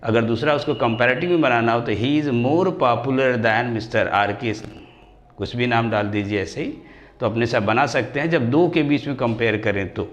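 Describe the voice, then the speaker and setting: A man teaching English grammar, his voice at an ordinary middle pitch for a man. He drags out example words slowly, syllable by syllable, and calls his students dear children. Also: muffled recording. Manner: slows right down and stretches example words to spell them out. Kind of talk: classroom grammar lesson.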